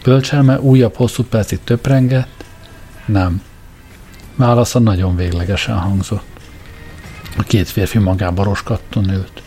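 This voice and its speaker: Brief: male audiobook narrator, low, warm and measured. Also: steady tone, soft background music.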